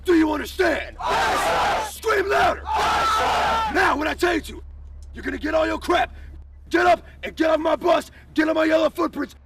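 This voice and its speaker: A man with a gravelly, very high-pitched voice screaming commands as a drill instructor. He barks scornful orders inside a bus. He is heard from a distance over loud crowd noise. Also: normal speed, pauses often. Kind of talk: shouted commands.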